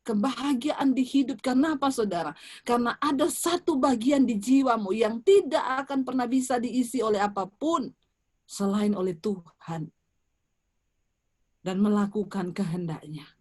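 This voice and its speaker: A woman's voice: a little high, measured pace, a little mellow, slightly rough. A woman evangelist preaching a sermon at a church service, telling a personal testimony and addressing the congregation directly. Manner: addresses the congregation as "saudara", vivid storytelling.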